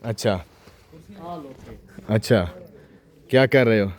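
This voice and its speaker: A man's voice: lowish voice, slow. A man hosting a casual vlog, chatting and teasing people around him outdoors at an event tent. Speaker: vlogger.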